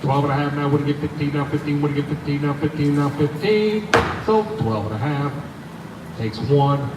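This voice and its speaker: A man's voice: fairly high pitch, moderate pace. A man working as an auctioneer, calling bids in a repetitive sing-song chant. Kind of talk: live auctioneer chant, rattled-off repeated bids. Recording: roomy, distant, noisy live auction recording.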